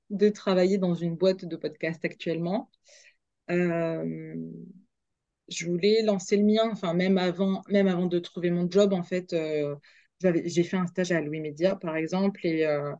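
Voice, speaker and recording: A woman's voice: fairly low pitch, steady tone, measured pace, dark tone, no room sound, muffled recording. A young woman, a radio journalist, chatting as a guest in a podcast interview, hesitant with many fillers and restarts.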